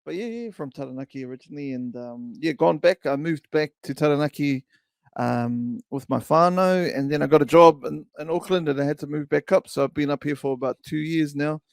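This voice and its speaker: A young New Zealand man with a gravelly, slightly high voice, talking in a loose, slangy way as a podcast guest. He restarts his sentences and drops in fillers, and the sound is close and dry. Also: fairly quick, no room sound. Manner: laid-back slangy, lots of restarts and fillers. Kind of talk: casual chat.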